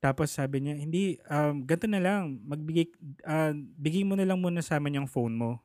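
A man's voice: a little high, normal speed, no echo, studio quality. A man casually telling a personal story, acting out the people he quotes. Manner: animated, acts out the people he quotes.

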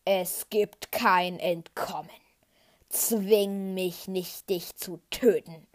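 A woman doing a slow, menacing dark lord. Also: steady tone. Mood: threatening. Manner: slow, low, deliberate. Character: menacing dark lord, male, cold and commanding.

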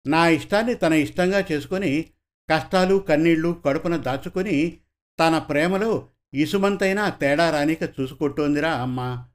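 Male reader plays a gentle older father in an audio story, tender and reminiscing. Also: on the high side, normal speed, natural voice. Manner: warm, storytelling to his daughter. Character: aging father, gentle, reflective, affectionate.

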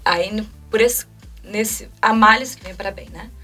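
A young woman in her twenties with a Brazilian Portuguese accent, a guest telling a personal story quickly and emotionally and acting out quoted dialogue. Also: mid-range voice, fairly even intonation, bright, forceful tone. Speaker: interview guest. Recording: mic at a distance, faint music.

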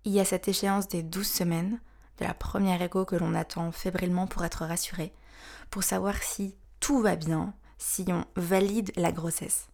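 A woman's voice: on the low side, steady tone, normal speed, vocal fry, a little mellow. A woman in her thirties hosting a podcast, reading scripted narration in a frank, wry, confiding way. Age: 30s. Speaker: podcast host.

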